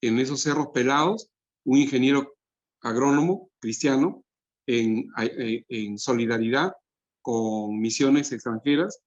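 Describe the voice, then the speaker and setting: A man's voice: medium pitch, a little slow, highs cut off. A man, a pastor preaching a sermon to couples, quoting scripture and asking rhetorical questions.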